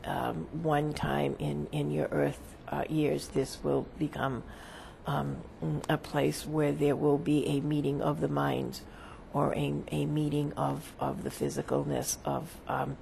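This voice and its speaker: Seance medium channeling, gravelly fry, halting solemn delivery, formal phrasing, faint background noise. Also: mid-range voice, flat delivery, a little mellow, low-quality recording. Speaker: seance medium, trance channeler speaking as a spirit. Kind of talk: seance medium trance channeling, answering questions as a spirit.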